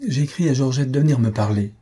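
A man reading aloud and voicing a gentle, soothing middle-aged wife and godmother. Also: mid-range voice, quick pace, breathy edge, lightly acted.

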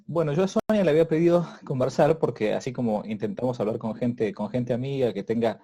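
This priest, acting as host of a casual interview, talks fast in a mid-range voice that's dark and husky. He hesitates a lot, restarting and repeating himself amid frequent fillers.

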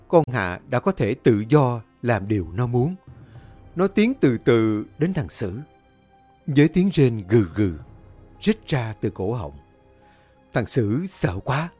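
A man narrating a dramatic horror story and voicing its characters himself. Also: darkish tone. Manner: voices each character with high pleading tones.

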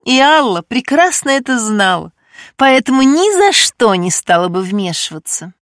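A woman voicing a wry, condescending older woman speaking slowly in an audiobook. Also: fairly high pitch, sing-song, fairly bright tone, dry recording, clean studio sound, voice pushed up.

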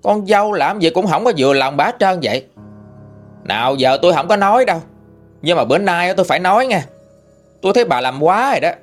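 A man's voice: medium pitch, very animated, normal speed, soft background music. A man with a Southern Vietnamese accent voicing an old grandfather who scolds his wife for her harshness in a ghost story. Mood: indignant. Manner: scolding, reproachful. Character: old grandfather, fair-minded and indignant.

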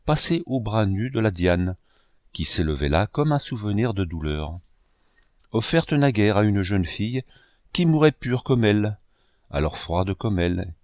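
A man giving a measured, solemn audiobook narration of a novel. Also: fairly low pitch, a little mellow, no echo, studio quality. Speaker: audiobook reader.

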